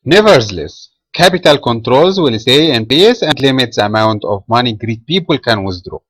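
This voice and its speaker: A man's voice: mid-range voice, lively intonation, a bit bright, dry recording, poor audio. Egyptian-raised man reading market commentary. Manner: reads from a script, measured with filler pauses. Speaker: market commentator and trading trainer. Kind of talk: read market commentary webinar.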